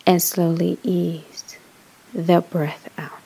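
A woman's lowish, gravelly, husky voice leads a guided meditation, soft and whispery like at a spa, soothing and measured in a level tone. She pauses between short phrases, and the audio is poor.

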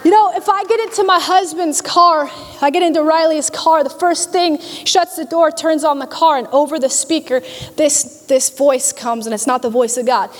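A woman pastor delivers a sermon with a high, bright-pitched voice. She talks in an animated way, stumbling over and repeating words as she acts out quoted voices. The sound carries a long reverb from a large church hall. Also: normal speed.

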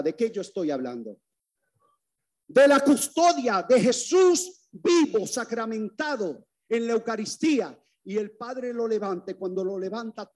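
A man's voice: high-pitched, a little mellow. A man preaching his conversion testimony to a congregation, telling it dramatically and speaking straight to the listeners. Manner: dramatic storytelling, addresses the audience directly.

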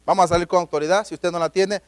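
Pastor guy preaching, pretty high voice, dry sound, goes from loud to quiet asides. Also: steady tone, rapid-fire, no room sound. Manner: emphatic preaching, swinging between loud declarations and low asides. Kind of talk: sermon.

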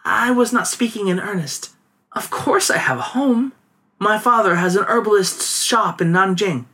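A man's voice: high-pitched, moderate pace, pushed and bright, pitched above the performer's own voice. A man voicing a sorrowful young widow who speaks in a plaintive, formal old-fashioned way. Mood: calm.

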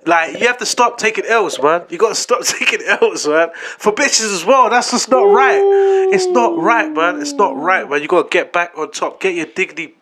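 A man's voice: sits high, expressive, moderate pace, hardly any pauses, heavy background noise. A young man with a London roadman accent, bantering casually in slang and repeating phrases for emphasis. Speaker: podcast co-host.

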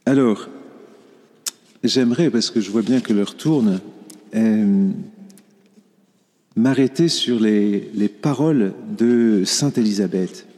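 A man preaching a sermon as a priest, slow and reflective, often restarting his phrases. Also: on the low side, warm tone, long reverb tail.

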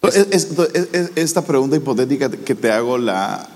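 A man hosts a relaxed interview, putting playful hypotheticals to his guest. His middle-pitched voice sounds a little distant and rings out with a long reverb. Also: moderate pace. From Mexico. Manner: playful, teasing questions. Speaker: podcast host. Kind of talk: casual interview.

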